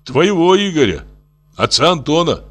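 A man voicing an agitated young man who shouts himself hoarse and tearful, in a storybook reading. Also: fairly high pitch, very animated, moderate pace, faint music behind, voice pushed up. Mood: insistent. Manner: loud, voice breaking, shouting.

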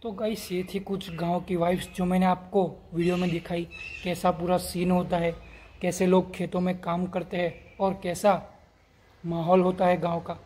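A man's voice: high voice, flat delivery, moderate pace, darkish tone, slight background noise. A young man from Gujarat talking casually to camera on a village vlog, filming himself at arm's length outdoors and pointing things out to viewers. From Gujarat, India. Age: young adult. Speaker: vlogger. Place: village lanes and fields outdoors. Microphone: camera held at arm's length.

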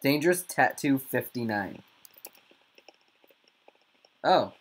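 A man giving casual, jokey gameplay commentary as a YouTuber, with sudden squeaky outbursts. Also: lively intonation, takes it slowly. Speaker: gaming YouTuber.

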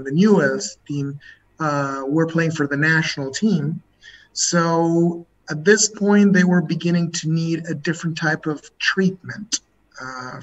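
A man interpreting in an interview, relaying another man's answers as a halting spoken English translation. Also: a little high. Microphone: video call. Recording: dull lo-fi video call with loud noise.

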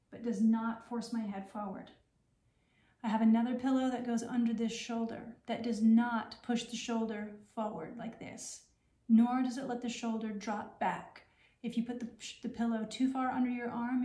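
A middle-aged woman, sore and recovering from surgery, gives gentle, unhurried advice with pauses in a casual instructional home vlog. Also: fairly high pitch. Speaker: health vlogger sharing recovery advice. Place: small home room, indoors. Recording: roomy, echoing home recording.

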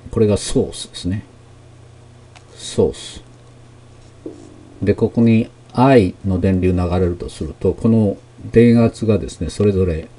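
A man teaching a lesson, explaining technical terms slowly with many fillers and pauses. His first language is Japanese. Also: on the low side, dark tone. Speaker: math teacher.

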